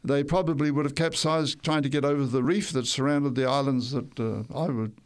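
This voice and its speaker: A Tongan-born older man recounts his life for a radio interviewer in a smooth, brisk voice with fairly even intonation and a middling pitch. He wanders a little, restarts, corrects himself, and chuckles occasionally.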